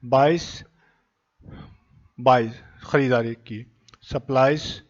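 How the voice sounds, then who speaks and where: A man, teaching accounting in a slow lecture while writing, his throat and chest sore and coughing now and then. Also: mid-range voice, steady tone, lo-fi sound. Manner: speaks deliberately slowly, dictating as he writes.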